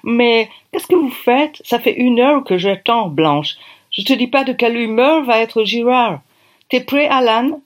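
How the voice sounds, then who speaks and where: A woman's voice: on the high side, lively intonation, pitched above the performer's own voice. Woman doing an impatient middle-aged director. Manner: impatient, hurried.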